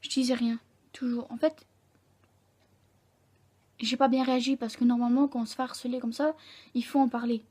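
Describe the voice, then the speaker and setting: Mellow-voiced young woman telling her story. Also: on the high side, flat delivery. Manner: candid, halting, full of self-corrections. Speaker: vlogger. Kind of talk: personal storytelling to camera.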